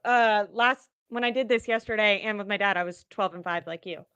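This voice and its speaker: An upbeat woman co-hosting a casual football talk, bright and crisp on a dry, close mic. She is chatty and pokes fun at herself. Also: medium pitch, a little fast, no echo, muffled recording. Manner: chatty, upbeat, self-deprecating. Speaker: co-host. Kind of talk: casual sports chat.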